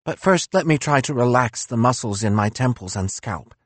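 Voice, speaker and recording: A man's voice: medium pitch, animated, moderate pace, no room sound, voice pushed up, close to an everyday voice. A man voicing a proud male philosopher weakened by a migraine, intense and accusing in a weak voice. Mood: weak, calming. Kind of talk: audiobook character voice.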